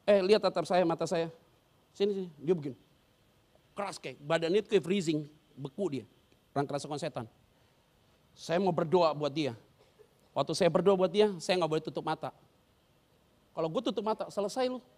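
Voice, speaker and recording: Man, pastor, high-pitched voice, lively preaching, acts out stories, casual slang. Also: a little fast, long pauses. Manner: animated storyteller who acts out scenes and quizzes the congregation.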